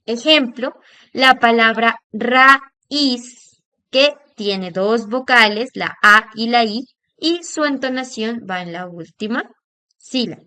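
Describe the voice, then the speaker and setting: A woman teacher giving a recorded lesson, drawing out example words slowly to show where the stress falls. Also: fairly high pitch, expressive, pushed and bright. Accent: Latin American Spanish.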